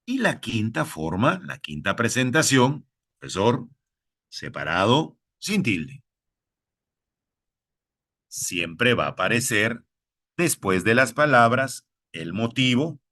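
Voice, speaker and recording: A man with a Peruvian Spanish accent teaches at an unhurried pace, his voice bright and lively in pitch. He repeats each rule slowly and addresses the listener directly as a fellow teacher. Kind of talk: recorded lesson for teachers.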